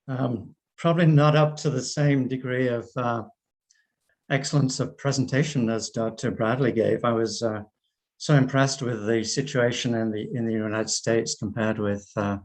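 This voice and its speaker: An older man with a hoarse, croaky voice, giving a halting conference presentation over a video call. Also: medium pitch, rough recording. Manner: halting, often repeats and breaks off words. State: hoarse from wildfire smoke and asthma. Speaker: research scientist and clinical pathologist, invited speaker. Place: remote online presentation by screen share. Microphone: video call microphone.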